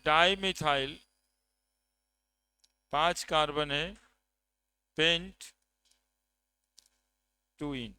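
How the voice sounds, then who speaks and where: High, bright-voiced male chemistry teacher. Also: drawn-out words, pauses often, clean tone, dry recording. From India. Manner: counts atoms aloud, asks checking questions. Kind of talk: classroom lecture. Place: classroom.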